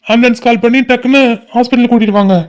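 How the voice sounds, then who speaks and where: A voice actor doing a calm young doctor. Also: mid-range voice, very fast, lightly acted. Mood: calm instructing. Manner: calm, instructive, reassuring. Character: young man, calm doctor son on the phone. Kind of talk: cartoon voice acting.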